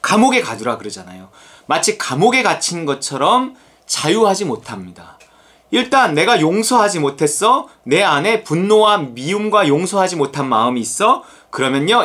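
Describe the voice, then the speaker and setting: Male Bible teacher, sermon delivery, expressive pitch, slips into character voices. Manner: acts out characters' voices, exclaims and addresses listeners directly. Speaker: Bible study lecturer. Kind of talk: sermon-style Bible lecture.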